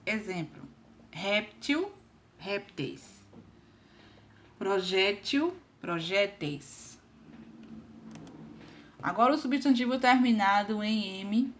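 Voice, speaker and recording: A woman teaches a grammar lesson at a patient, steady pace. She reads out word pairs one by one and often stops to check in with her class. Her voice sits at an everyday middle pitch.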